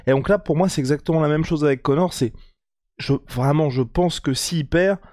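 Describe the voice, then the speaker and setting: A man co-hosting a casual sports podcast, talking in an animated, colloquial way and thinking aloud. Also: fairly high pitch, normal speed, dry recording, clean studio sound. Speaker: podcast co-host. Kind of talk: casual chat about MMA.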